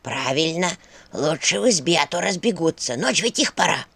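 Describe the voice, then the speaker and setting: A reader voicing a bloodthirsty talking skull that whispers in a quiet creaky voice in a spoken fairy tale. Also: medium pitch, lively intonation, moderate pace, dry recording, exaggerated voice. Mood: scheming.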